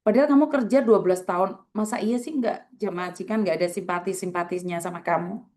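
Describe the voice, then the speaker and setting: A woman's voice: lowish voice, fairly quick, darkish tone, slight background noise. A woman hosting a video call, soothing and urging a worker, repeating her words. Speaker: host advising migrant workers.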